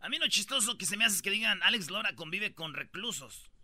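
A high, very bright male voice with a Mexican accent, heard dry and close with no room around it. He hosts a comic news countdown, rattling off slang and jokes as he tells each story. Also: fairly quick, no echo. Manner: joking, slangy, lively storytelling. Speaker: host.

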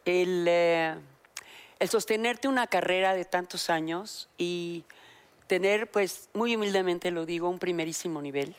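A middle-aged woman with a Mexican accent, a talk-show guest telling candid anecdotes in an animated way. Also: lowish voice, a little slow, clear, resonant tone. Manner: animated storyteller, acts out voices in quotes.

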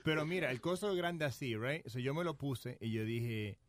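A man's voice: mid-range voice, lively intonation, moderate pace, very noisy. A man telling a story in casual chat, switching between languages and laughing often. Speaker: podcast co-host. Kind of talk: casual chat mixing Spanish and English.

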